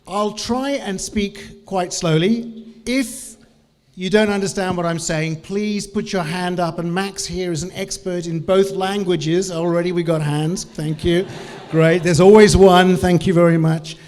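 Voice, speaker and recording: A man's voice: high-pitched, steady tone, moderate pace, darkish tone. A man with a New Zealand accent giving a live conference talk, chatty and joking, quizzing the audience. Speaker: conference speaker. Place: large conference hall with audience. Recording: long hall reverb.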